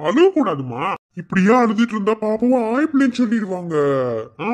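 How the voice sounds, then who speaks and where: A man with a Madurai Tamil accent voicing a village brother-in-law and doting father in a cartoon, joking with family and softly coaxing his child. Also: sits high, sing-song, a little fast. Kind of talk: cartoon voice acting.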